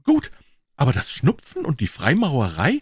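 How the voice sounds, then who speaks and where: A man voicing an excitable middle-aged pawnbroker who talks in high, eager exclamations in an audiobook. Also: normal speed, slightly rough, dry recording. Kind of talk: audiobook character voice.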